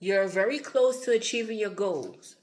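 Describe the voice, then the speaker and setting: This tarot reader talks at normal speed in a mid-range, somewhat dark voice that's a little strained because she's losing it. Her reading is loose and rambling, circling back on itself with fillers and asides.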